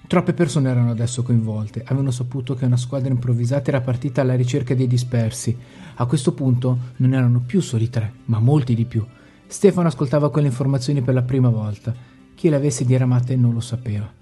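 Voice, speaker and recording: A man narrating a dramatic story in a slow, intense delivery with heavy pauses. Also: medium pitch, warm tone, slightly rough.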